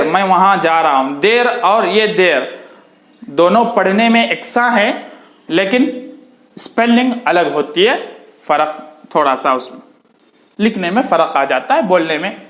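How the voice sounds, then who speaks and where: Slow, high-voiced man teaching grammar. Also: fairly bright tone, roomy sound. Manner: slow, repeats each word with its meaning. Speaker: English teacher. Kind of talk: grammar lesson.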